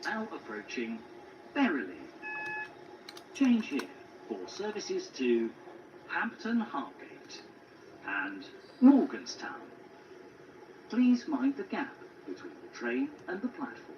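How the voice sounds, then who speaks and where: A man voicing an automated onboard train announcement, formal and measured. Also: on the high side, wildly swooping pitch, far from the mic, highs cut off, noisy background, heavily acted. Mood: announcing. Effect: onboard train announcement over a speaker.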